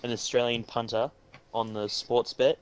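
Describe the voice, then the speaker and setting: A man's voice: mid-range voice, level tone, moderate pace, smooth, low-quality recording. Young man, from England, tired, podcast co-host, laughs easily, casual sports chat. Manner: laughs easily, stumbles over names. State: tired, yawning.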